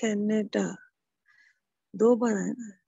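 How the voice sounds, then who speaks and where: A woman's voice: medium pitch, fairly even intonation, very slow, gravelly, warm tone. A woman student answering in short replies, repeating the teacher's words. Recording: dull lo-fi sound.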